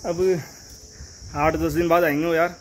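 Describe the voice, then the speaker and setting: A man's voice: a little high, level tone, measured pace. A young man, a family vlogger chatting casually at home and often calling his viewers brother. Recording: noisy home phone recording.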